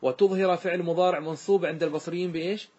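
A man's voice: high-pitched, steady tone, very fast, warm tone, husky, dull audio. A man, a sheikh giving a classroom grammar lesson, explaining step by step, repeating examples and quizzing his students.

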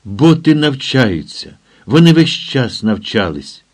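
A man reading an audiobook, voicing a frantic young programmer who shouts urgently into a radio. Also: mid-range voice, moderate pace, natural voice. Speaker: character in an audiobook.

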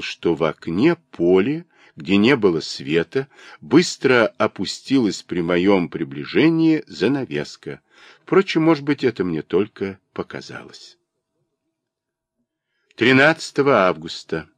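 A man reads a classic novel aloud in a lively, expressive storytelling manner. His voice sits on the low side and rises and falls widely. The sound is close-miked and dry, with no room echo. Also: measured pace. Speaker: audiobook narrator. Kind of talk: scripted narration of a classic novel.

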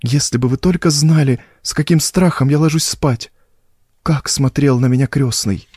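A man's voice: mid-range voice, normal speed, darkish tone, husky, dry recording, clean studio sound, pitched above the performer's own voice, lightly acted. A man voicing a frightened young woman, an anxious, pleading ward in a read-aloud story.

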